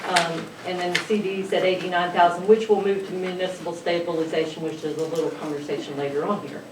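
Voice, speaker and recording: Woman finance officer, lowish voice, hurried figure-reading, distant mic in an echoey chamber with steady noise. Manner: rushed, reeling off figures with fillers. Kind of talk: reading a financial report at a council meeting. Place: council chamber. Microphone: distant room mic.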